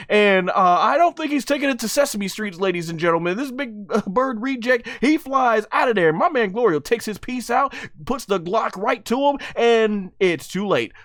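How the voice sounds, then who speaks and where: A man doing excited anime fight commentary in hyped wrestling-style banter, often stammering and restarting. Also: sits high, no room sound, clean studio sound.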